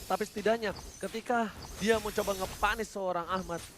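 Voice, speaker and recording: Male esports caster, Indonesian accent, fast, excited, dramatic repetition, clear noise behind. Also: high voice. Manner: dramatic, repeats phrases for emphasis. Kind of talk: excited esports play-by-play commentary.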